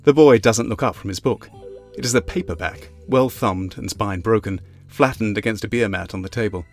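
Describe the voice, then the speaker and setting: Low-voiced man reading an audiobook. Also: moderate pace, soft background music. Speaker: audiobook narrator. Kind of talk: scripted narration.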